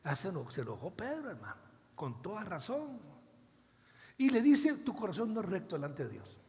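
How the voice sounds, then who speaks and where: A man preaching a sermon as a pastor, dramatically acting out biblical dialogue with big swings in loudness, with a Costa Rican accent. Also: sits high, wildly swooping pitch, normal speed. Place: church hall. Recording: long church reverb.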